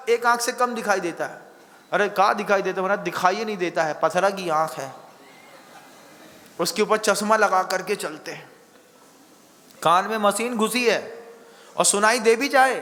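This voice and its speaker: High bright-voiced monk preaching in a hall. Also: male voice. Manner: acts out quoted dialogue, asks the audience questions. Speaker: Jain monk giving a sermon. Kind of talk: sermon with storytelling.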